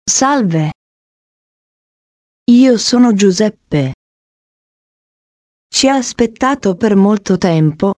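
Brief: polite young man in a learner's audiobook, read by a woman, very slow delivery. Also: medium pitch, lively intonation, darkish tone, dry recording, clean studio sound. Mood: curious. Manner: slow, careful reading. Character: young man visiting a newsroom, curious and polite.

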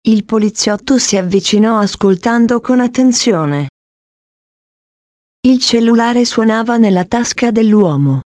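A woman narrating a short story in a slow, careful reading style. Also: on the high side, darkish tone, no echo, studio quality.

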